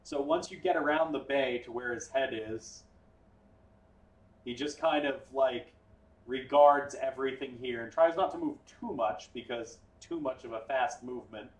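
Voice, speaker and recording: A man narrating as game master in a relaxed, offhand way, full of "like" and "um". He sits well back from the mic in an echoey room. His pitch is middling. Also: unhurried, recorded from a distance. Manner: casual, explanatory, with fillers.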